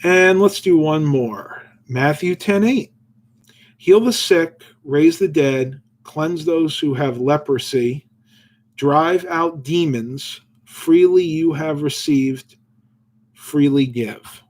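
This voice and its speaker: Speaking slowly in a fairly high voice with a darkish tone, a livestream host reads out Bible verses, then reflects on them loosely, using fillers. In this casual devotional chat, he also takes questions from viewers.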